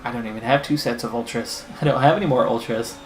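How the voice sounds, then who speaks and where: A man's voice: mid-range voice, fast, echoey room, slight background noise, low-quality recording. A man hosting a racing management game video, talking through his race strategy in anxious, pleading running commentary. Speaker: gaming channel host. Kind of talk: let's-play commentary.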